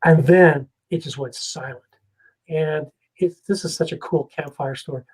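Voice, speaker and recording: A man, a guest investigator, telling a story in a casual, animated way and acting out the scenes. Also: fairly high pitch, measured pace, slightly rough, poor audio.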